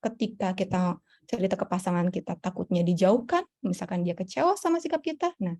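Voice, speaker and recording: A woman psychologist answering audience questions in a relaxed, explanatory talk, with frequent fillers and a style touch. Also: medium pitch, fairly quick. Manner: warm explanatory, many fillers. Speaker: psychologist guest. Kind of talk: casual Q&A talk.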